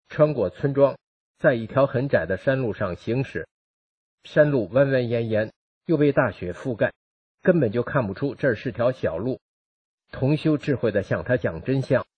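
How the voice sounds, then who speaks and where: A man reading a first-person account aloud in a steady, even narrating manner. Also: mid-range voice, husky, no echo, dull audio. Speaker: reader of a personal testimony.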